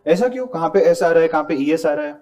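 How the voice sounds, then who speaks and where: A fast-talking, animated male teacher with a fairly high pitch and darkish tone delivers a grammar lecture in class. He chats conversationally, drops English terms into Hindi, and keeps asking students to confirm they understand.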